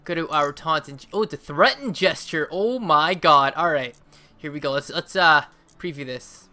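Hyped bright-voiced gaming YouTuber man. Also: a little high, normal speed. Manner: excitable, hypes up each unlock. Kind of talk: hyped game commentary.

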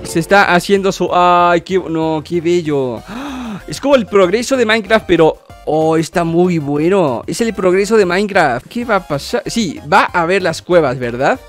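A man's voice: sits high, animated, normal speed, few pauses, soft background music. A young man from hosting a reaction video, exclaiming, repeating words and laughing often. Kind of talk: excited reaction commentary.

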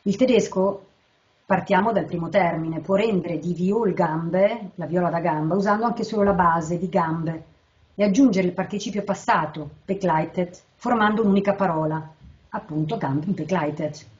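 A woman translator giving a measured literary lecture, reading short poems slowly and carefully between her explanations. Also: fairly low pitch, darkish tone, dull audio. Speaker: translator presenting a poet.

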